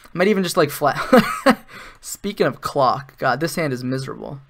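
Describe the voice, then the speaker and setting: A man's voice: medium pitch, expressive, normal speed, gravelly, fairly bright tone. Chatty man streaming a card game. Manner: thinks aloud, chatty, with sarcastic asides and laughs. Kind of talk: casual live-stream commentary.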